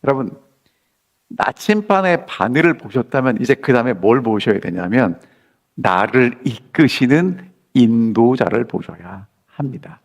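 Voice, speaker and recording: A man's voice: mid-range voice, sing-song, a little slow, vocal fry. A male pastor preaching a sermon to his congregation. He keeps asking the people questions and acts out the lines he quotes.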